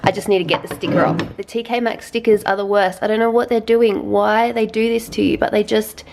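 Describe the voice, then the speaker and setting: A young woman chatting casually to camera in her apartment, self-deprecating and relaxed. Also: medium pitch, a little fast, creaky. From Australia. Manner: chatty, self-deprecating, talks with mouth full while tasting. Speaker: lifestyle vlogger. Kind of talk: casual vlog chat. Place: small apartment indoors.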